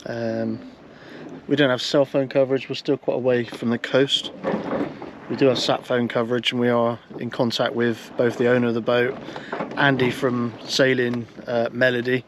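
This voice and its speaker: A man vlogging from a sailing boat at sea, chatty and relaxed, with plenty of ums. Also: mid-range voice, moderate pace. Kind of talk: casual on-board narration. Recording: wind and water noise on a boat.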